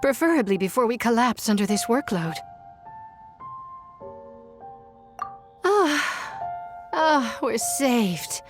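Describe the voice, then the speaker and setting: A woman's voice: fairly high pitch, very animated, unhurried, soft background music. A woman playing an overworked, courteous government secretary who explains things politely in a video game. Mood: relieved.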